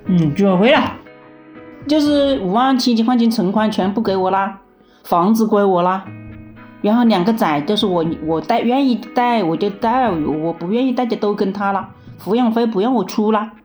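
Brief: mother in her 50s, interviewee, casual and halting recollection with frequent restarts. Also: mid-range voice, a little mellow, soft background music. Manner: halting, repeats words as she recalls.

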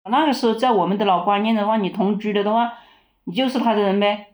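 A woman in her fifties recounting her own life in a casual, halting way, often repeating words as she speaks. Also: mid-range voice, a little mellow. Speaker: interviewee, mother. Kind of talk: casual personal recollection.

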